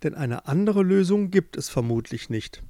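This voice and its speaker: A man's voice: high-pitched, expressive, moderate pace, mellow, no room sound, clean studio sound, pitched above the performer's own voice. Guy doing a sincere young fella begging for help, sing-songy storybook voice. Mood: pleading. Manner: pleading, earnest. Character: earnest young man searching for his love.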